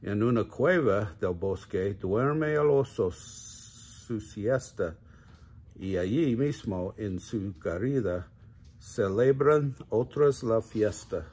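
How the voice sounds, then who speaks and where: An older man reads a children's picture book aloud at an unhurried, unrushed pace. His voice is warm and mellow, with a slightly husky grain. He now and then trips over a word and corrects himself gently. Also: lowish voice, lively intonation. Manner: slow, gentle reading with small stumbles and self-corrections. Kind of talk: children's story read-aloud.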